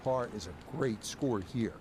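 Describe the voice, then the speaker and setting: A man giving polished, measured play-by-play as the lead golf commentator on a televised-style game broadcast. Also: medium pitch, background noise, close to an everyday voice.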